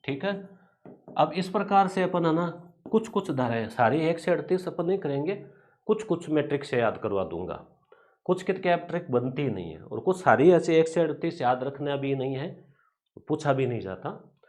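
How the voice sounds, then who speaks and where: A man's voice: a little high, lively intonation, normal speed, a little mellow. Man teaching with rhyming memory tricks. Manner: explains with repeated rhyming memory tricks, chatty and informal. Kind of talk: exam coaching lecture.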